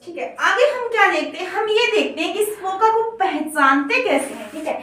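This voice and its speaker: High-voiced woman teaching in an echoey room. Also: lively intonation, brisk, a bit bright, distant mic. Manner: explanatory, repeats "theek hai" to check understanding. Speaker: English grammar teacher. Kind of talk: online grammar lesson.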